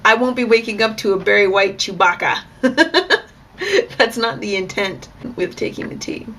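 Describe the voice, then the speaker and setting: A woman's voice: medium pitch, lively intonation, unhurried, a bit bright, a little hiss or hum. A young adult woman talking frankly and chattily in a casual vlog monologue. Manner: frank, chatty, with bursts of laughter. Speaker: vlogger.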